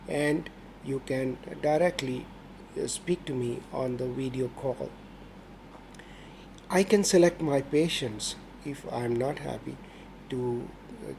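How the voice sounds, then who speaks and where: A middle-aged man speaks with an Indian accent in a mellow, relaxed tone. He presents himself formally and at a measured pace, like a senior doctor addressing patients. A faint noise sits behind the voice. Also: mid-range voice, vocal fry, rough recording. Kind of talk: promotional self-introduction to camera.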